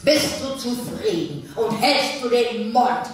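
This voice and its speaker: An actress playing an unflappable, sharp-tongued middle-aged wife in a live comic sketch reading on a theater stage, talking in a dry, mocking and bossy way. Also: female voice, a little high, animated, slow pace, crowd noise. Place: theater stage before an audience. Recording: echoey live theater recording from a distance.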